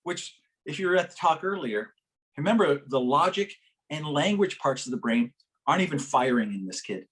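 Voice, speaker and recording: A man presenting a workshop, telling a story in a lively, animated way, acting out voices and laughing as he goes. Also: fairly quick. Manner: animated, acts out quoted voices with big pitch jumps; laughs as he talks. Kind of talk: storytelling talk to a live audience. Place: conference workshop session.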